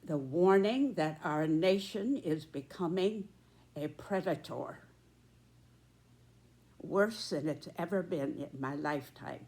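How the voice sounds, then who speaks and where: Very slow, low-voiced elderly woman. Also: expressive, darkish tone. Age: 90s. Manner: deliberate, emphatic, in short measured phrases. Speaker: political commentator. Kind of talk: prepared spoken commentary.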